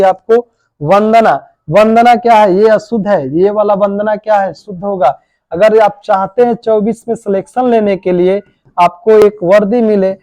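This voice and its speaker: A dry recording captures a high-pitched, mellow male voice. The coaching teacher leads an exam spelling lesson, raising questions he answers on his own and referring to students as "babu" and "bhai."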